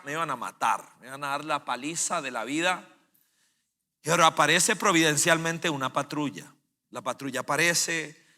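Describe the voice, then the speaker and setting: A male pastor, preaching a sermon as vivid storytelling that swings from loud bursts to hushed low phrases. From Costa Rica.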